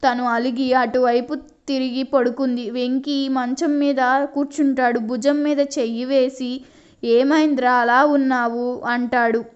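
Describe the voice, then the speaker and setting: A woman narrating a family story in a steady, even reading manner. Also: sits high, measured pace, clear, resonant tone, lo-fi sound.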